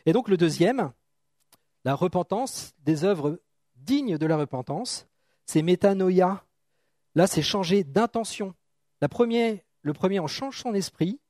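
A man's voice: fairly high pitch, warm tone, no echo, studio quality. A middle-aged man from France preaching an informal, joking sermon, thinking aloud with many restarts and asides.

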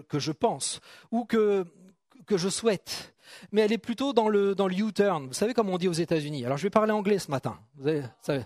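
Pastor guy preaching, jokey and chatty, kinda high voice, dry close sound. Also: dry recording. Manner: joking, chatty preaching with many restarts. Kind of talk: sermon.

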